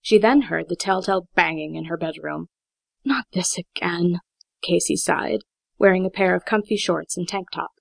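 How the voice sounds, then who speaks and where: A woman reading an audiobook aloud in a steady, measured way, with a heavy vocal fry. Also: fairly low pitch, no echo. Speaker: audiobook narrator. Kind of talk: scripted audiobook narration.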